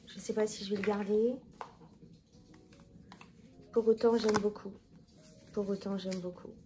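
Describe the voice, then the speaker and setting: A woman's voice: mid-range voice, flat delivery, measured pace, over music. A woman chatting casually to her viewers, rambling with fillers and self-corrections. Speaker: tarot video creator. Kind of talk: casual talk to camera.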